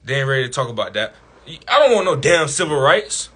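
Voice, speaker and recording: A man's voice: mid-range voice, big pitch swings, a little fast, bright, forceful tone, slightly rough. A man delivering an impassioned monologue to his viewers, preaching and firing rhetorical questions at them. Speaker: commentator.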